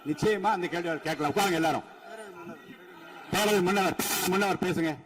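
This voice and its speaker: A man's voice: high-pitched, brisk, crowd noise. A man with a Tamil Nadu accent chairing the state assembly, formal and firm, repeatedly ordering members to sit down and keep order. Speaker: speaker of the assembly chairing the session.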